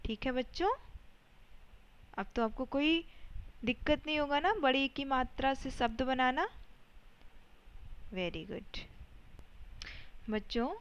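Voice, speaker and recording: A woman teacher giving a slow, patient lesson to young children, sounding out syllables and words one by one. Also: sits high, clear, resonant tone, dull audio.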